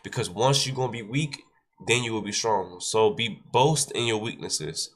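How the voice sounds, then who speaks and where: A man with a stuffy nose hosts a day-trading livestream, speaking at a moderate pace in a husky, lowish voice. He repeats himself and exhorts his chat directly, mixing casual talk with a short devotional.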